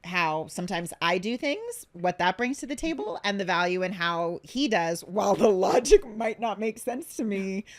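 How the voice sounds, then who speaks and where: A woman's voice: mid-range voice, expressive, normal speed, few pauses. A woman as a guest on a podcast, speaking thoughtfully and earnestly in a casual chat.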